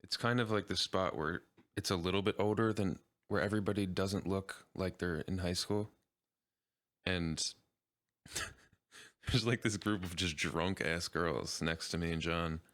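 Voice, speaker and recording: A man with a very low voice co-hosts a casual podcast chat. He talks in a relaxed, easygoing way and laughs often. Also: measured pace. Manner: laid-back, laughs often. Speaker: podcast co-host.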